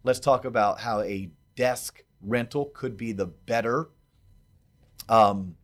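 A man's voice: mid-range voice, slow, fairly bright tone. A man hosting a podcast, explaining things in a casual, emphatic way and checking in with rhetorical questions. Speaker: podcast host.

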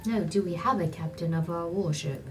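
A woman's voice: lowish voice, moderate pace, a little mellow, faint music behind. A woman playing a tabletop game, chatting and making sarcastic jokes. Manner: joking, sarcastic quips. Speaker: player. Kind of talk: casual tabletop play.

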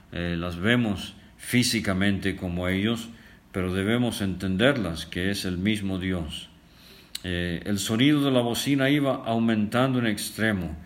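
Older guy reading and explaining the bible, super low voice, slow and careful, lots of ums. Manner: slow, deliberate reading with frequent filler pauses. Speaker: Bible teacher. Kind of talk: unhurried Bible study commentary.

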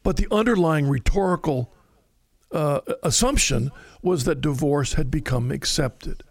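Male bible teacher, slightly high gravelly voice, dry close sound, explains and reads verses aloud. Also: animated, a little slow, dry recording. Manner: explanatory, reads scripture aloud, stumbles over words at times. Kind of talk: conversational Bible study teaching.

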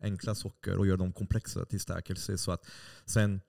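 Gravelly low man. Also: flat delivery, mellow. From France. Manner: passionate, explaining at length with many restarts. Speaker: podcast host and baker. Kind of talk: casual podcast conversation.

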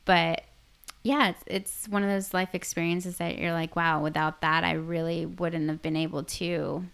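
A woman in her thirties chats as an interview guest, her thoughts wandering and trailing off through lots of fillers. Her voice sits a little low yet sounds bright and forward. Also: level tone, normal speed, gravelly, clear, resonant tone. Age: 30s. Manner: rambling, trailing off with many fillers. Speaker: hairstylist guest. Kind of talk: casual interview chat.

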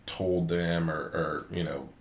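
A man's voice: sits low, fairly even intonation, slow pace. A man co-hosting a podcast in casual chat, rambling and profane, often losing his train of thought. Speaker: podcast co-host. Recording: roomy echo.

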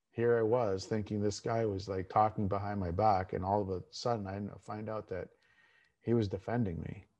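A man speaking informally and candidly as a coach, giving an emphatic motivational talk with repeated phrases and slowed, stressed words. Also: mid-range voice, darkish tone. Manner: informal, candid, mildly crude. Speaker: fitness and mindset coach, show host.

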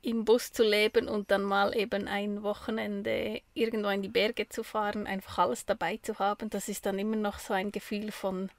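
Woman podcast host with gravelly fry. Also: medium pitch, level tone, normal speed, hardly any pauses, dry recording. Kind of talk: casual podcast chat. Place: small camper van used as studio.

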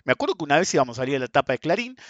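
A man with an Argentine accent, hosting a podcast and telling anecdotes in a casual way, often clearing his throat and chuckling as he goes. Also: fairly high pitch, big pitch swings, very fast, no room sound. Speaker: podcast host. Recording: dull lo-fi dry sound.

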